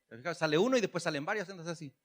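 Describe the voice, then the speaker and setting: A man's voice: a little high, lively intonation, very fast. A man preaching a sermon, chatty and humorous, then rising to emphatic calls. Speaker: pastor.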